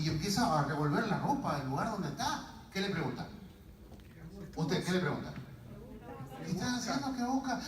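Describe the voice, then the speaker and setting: A man's voice: fairly high pitch, a little hiss or hum. A man preaching as a guest, telling stories with humor in a church, recorded from far off in an echoey hall. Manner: animated, humorous storytelling. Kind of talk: sermon storytelling.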